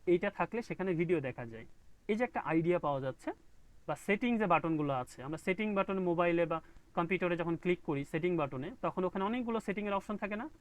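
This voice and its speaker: A man's voice: high voice, expressive, quick pace, dry recording, rough recording. A man teaching a graphic design class online, explaining step by step and often checking that his students follow. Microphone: video call.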